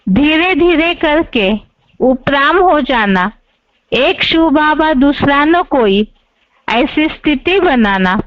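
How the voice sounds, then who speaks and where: Slow, patient woman teaching scripture. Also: high-pitched, no room sound. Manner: measured, patient, repetitive phrasing. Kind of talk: slow explanatory religious lesson. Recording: dull lo-fi dry recording.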